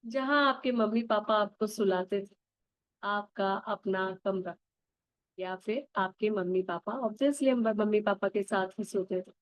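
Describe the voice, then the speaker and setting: A woman guiding an inner child healing meditation, speaking softly and gently straight to the listener. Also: medium pitch, no room sound. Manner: soft, slow and gentle, addressing the listener directly. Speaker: meditation guide.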